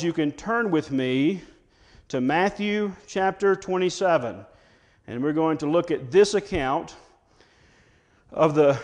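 Slow-preaching pastor, man. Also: fairly high pitch. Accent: American. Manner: slow, deliberate preaching with dramatic scripture readings. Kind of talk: sermon.

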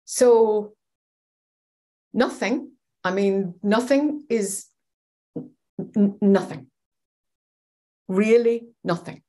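A spiritual teacher in her fifties speaks very slowly in a mid-range voice, pausing often as she thoughtfully searches for words and gestures animatedly. She gives this reflective teaching over a webcam video call from an indoor home room lined with bookshelves.

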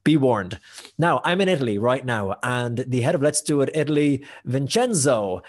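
A man's voice: mid-range voice, animated, moderate pace. A man hosting a live virtual conference as moderator, chatty and upbeat with light jokes between speakers.

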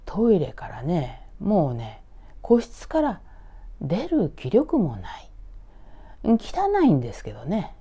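Brief: woman ghost-story teller from Tokyo, unhurried and low-key, dark tone, frequent whispers. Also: breathy edge. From Tokyo, Japan. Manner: slow and hushed, often dropping to a whisper. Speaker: ghost story author and narrator.

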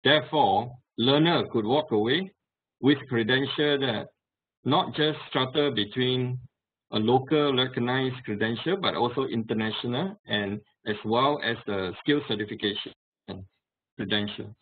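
A middle-aged man giving a measured keynote over a video call, with some hesitations. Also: medium pitch, slightly rough. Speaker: company founder giving keynote. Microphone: video call webcam. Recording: tinny call audio.

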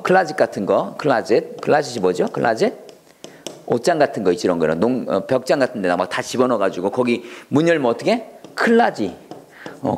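A man's voice: medium pitch, darkish tone. A man teaching English vocabulary in an online lesson, drilling words by repeating them and asking rhetorical questions.

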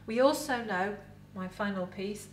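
A woman's voice: mid-range voice, a little slow, a little hiss or hum. English woman presenting in a roomy space. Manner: lively, chatty presenter with props. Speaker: museum educator in Viking costume. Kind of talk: educational talk to camera. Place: indoor museum set with replica kitchen. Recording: roomy echo, voice from a distance.

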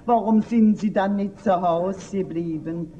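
A woman's voice: medium pitch, a little slow, dark tone, highs cut off, close to an everyday voice. A woman playing a fussy, nosy spinster schoolteacher. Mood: gushing. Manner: fussy, indignant, theatrical. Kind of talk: stage comedy acting. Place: theater stage.

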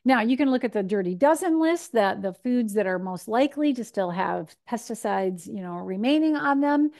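A woman in her fifties from Michigan, a nutrition speaker answering questions in a chatty, animated way over a video call from her home kitchen. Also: a little high, moderate pace. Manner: chatty and animated, gesturing, acts out her own thoughts. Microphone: video call webcam.

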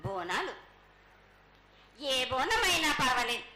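A woman's voice: high voice, sing-song, slow, bright, forceful tone. A woman oracle declaiming in a prophetic trance as a goddess, with repetitive, incantatory phrasing, in a ritual pronouncement at a festival. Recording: echoey, noisy live festival broadcast.

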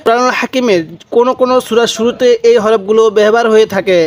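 A man teaching Quran reading, drawing out each letter slowly and prompting his viewers to answer. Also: very high-pitched, steady tone. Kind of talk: Quran recitation lesson.

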